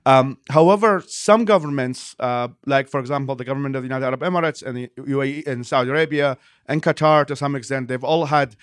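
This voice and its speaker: Speaking in a medium-pitched voice, an Iraqi man who leads a nonprofit answers questions as an interview guest, explaining rapidly and at length while reshaping his sentences. The audio is dry and close-miked, with no sense of the room.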